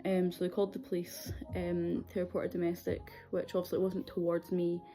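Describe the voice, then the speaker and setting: A young Scottish woman speaks in a low, dark and relaxed voice with little rise and fall. She tells her own story in a candid, conversational style, hesitating as she goes. Faint music plays behind her. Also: a little fast. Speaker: video series host. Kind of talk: personal confessional storytelling.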